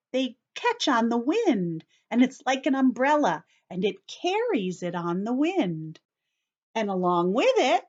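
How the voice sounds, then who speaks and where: A woman with a high-pitched voice reads a storybook to young children in an animated, teacherly way, pausing to explain things simply and ask questions. The audio sounds dull.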